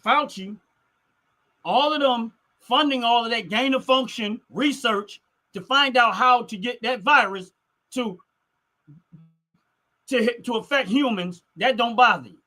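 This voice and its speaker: With a very high, bright and forceful voice, this middle-aged host speaks at a measured pace and pauses often. He's responding to chat casually, stating strong opinions and repeating phrases to drive them home.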